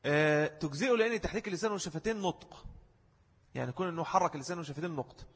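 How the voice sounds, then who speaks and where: A man's voice: on the high side, very fast, slightly rough. A man with an Egyptian Arabic accent giving a religious lesson, explaining rules step by step and acting out wrong and right pronunciations. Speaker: religious teacher. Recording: long hall reverb.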